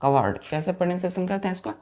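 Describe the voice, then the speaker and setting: A woman speaking very fast in a lowish, expressive, mellow voice holds a classroom-style vocabulary lesson for children. She spells English words letter by letter, explains them with Hindi mixed in, and repeatedly has the children say each one back.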